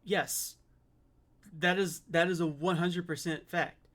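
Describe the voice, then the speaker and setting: A man giving casual, off-the-cuff reaction commentary as a streamer, halting and repeating himself for emphasis. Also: high-pitched, steady tone, fairly bright tone.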